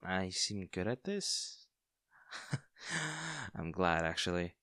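A man's voice: low-pitched, sing-song, drawn-out words, dry recording, clean studio sound, exaggerated voice. A man playing a kind young barista with a shy crush, speaking reassuringly and a little hesitantly in an intimate audio roleplay. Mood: light, chatty. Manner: soft-hearted, reassuring, hesitant. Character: kind young male barista, caring, shyly smitten. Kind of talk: intimate comfort audio roleplay, natural conversational acting.

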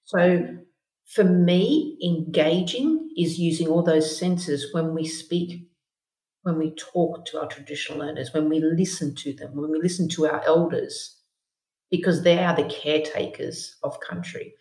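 An Australian woman with a slightly low voice speaks as a guest in a podcast conversation. She talks in measured, short, repeated phrases, and the room adds noticeable echo. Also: a little mellow. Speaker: guest, First Nations speaker. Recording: roomy, echoey room sound.

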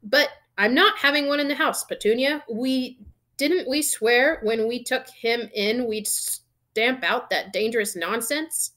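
A woman's voice: on the high side, a little slow, a bit bright, pitched above the performer's own voice. A woman voicing a blustering, bullying middle-aged uncle in a storybook, barking and sputtering. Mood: agitated, resolute.

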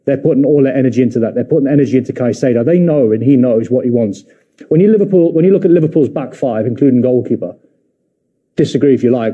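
A middle-aged man argues his case as a studio football pundit. He presses his points again and again. His voice is dark and husky. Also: medium pitch, muffled recording. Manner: emphatic, repeats his points.

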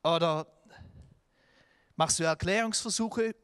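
A pastor with a smooth, high voice takes his time preaching a church sermon. He tells stories animatedly and acts out quotes, with restarts and filler sounds along the way.

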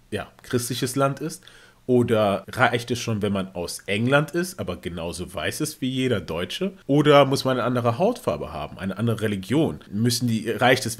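A man's voice: fairly low pitch, fairly bright tone. A man taking part as a panelist in a casual discussion, weighing both sides.

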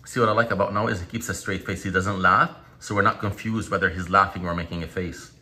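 A man's voice: low voice, fairly even intonation, fast talker, bright, forceful tone. A middle-aged man chatting casually as he films and referees a children's challenge at home. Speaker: father filming and refereeing a kids' challenge. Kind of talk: casual chat. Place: home dining room and kitchen. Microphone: behind the handheld camera.

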